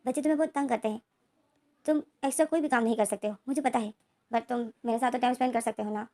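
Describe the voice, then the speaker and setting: A woman voicing a persistent young husband who pleads softly and teases. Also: a little high, steady tone, rapid-fire, close to an everyday voice. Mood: coaxing.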